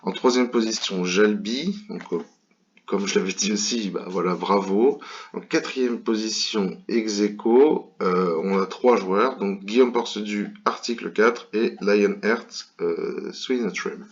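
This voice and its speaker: Low-voiced French man commentating bridge. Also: measured pace, dull audio. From France. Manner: hesitant, many fillers and restarts. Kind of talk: casual commented bridge game.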